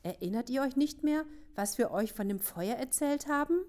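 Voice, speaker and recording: Excited boy pushing his news, high and loud as a woman reads. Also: normal speed. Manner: excited, insistent. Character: boy bringing bad news, impatient.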